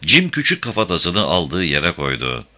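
Deep-voiced male audiobook narrator. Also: sing-song, unhurried, pushed and bright. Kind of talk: scripted narration.

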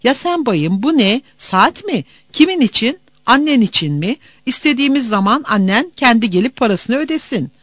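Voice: medium pitch, very animated, moderate pace, hardly any pauses, a bit bright, no room sound, clean studio sound, pitched above the performer's own voice. A reader voicing a contemptuous male border customs officer who barks orders and sneers at travelers, in an audiobook. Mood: sneering. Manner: barking, sneering, scornful.

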